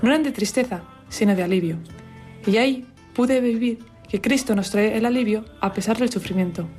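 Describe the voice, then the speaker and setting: A woman from calmly reading a prepared, story-like reflection on the radio. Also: a little high, brisk, faint music behind. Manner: calm, soft-spoken storytelling. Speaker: hospital chaplaincy contributor.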